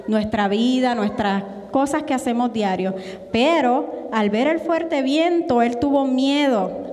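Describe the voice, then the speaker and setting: Mujer predicando con énfasis, eco de sala. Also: female voice, darkish tone, long reverb tail. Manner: earnest, emphatic, acts out quotes with rising pitch. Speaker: preacher. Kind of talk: sermon with Bible reading.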